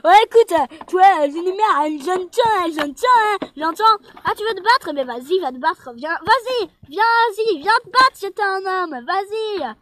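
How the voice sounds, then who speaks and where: A woman doing a shrill, fed-up young woman. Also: expressive, normal speed, hardly any pauses. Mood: combative. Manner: shrill, shouting complaints. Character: loud exasperated young woman, fed up and quarrelsome. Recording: noisy home recording.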